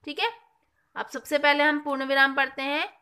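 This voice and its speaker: Woman teacher, slightly high, bright voice, patient, quizzes the class as she explains. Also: fairly even intonation, normal speed. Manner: explains patiently, asks the class questions and answers them herself. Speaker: school teacher. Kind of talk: classroom grammar lesson.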